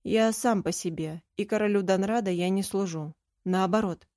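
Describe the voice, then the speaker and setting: A woman's voice: mid-range voice, normal speed, darkish tone, dry recording, clean studio sound, lightly acted. A woman voicing a stern, secretive young male mage who speaks in a curt, cutting way, in an audiobook reading. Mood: cold.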